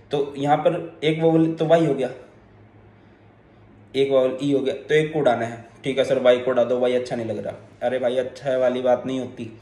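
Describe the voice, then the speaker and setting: Chemistry teacher guy, slightly high mellow voice, walks through each step, drops in english terms, cracks little jokes, roomy echo. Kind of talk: online lecture.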